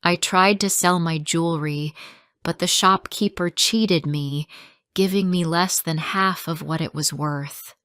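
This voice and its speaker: A woman's voice: lowish voice, unhurried, fairly bright tone, clear, resonant tone, no echo, clean studio sound. A woman narrating a first-person story for English learners in a plain, careful reading voice.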